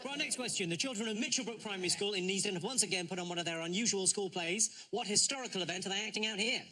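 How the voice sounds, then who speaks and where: A man hosting a comedy quiz show, reading scripted questions with dry, deadpan jokes. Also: high voice, racing. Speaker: quiz host.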